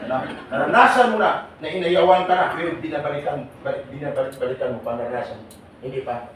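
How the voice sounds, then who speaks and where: A man leading a seminar for overseas workers, teasing and questioning the audience in a lively way. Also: on the high side, quick pace. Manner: teasing, jokey, calls on audience members. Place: large hall with audience. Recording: echoey hall, voice from far off, noisy.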